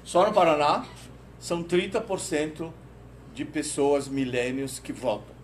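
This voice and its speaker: A middle-aged man delivers a lively lecture at a company event, leaning on tag questions as he tells his stories. His voice sits a bit high for a man. The recording is roomy and taken from far off, with a faint hiss underneath. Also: unhurried. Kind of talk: corporate safety-week talk. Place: company auditorium.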